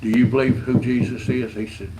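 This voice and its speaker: A man's voice: medium pitch, flat delivery, a little fast. Man, evangelistic testimony, plain folksy delivery with stammered restarts, faint noise behind. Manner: earnest, folksy storytelling with stammered repeats. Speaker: street rodder sharing his faith.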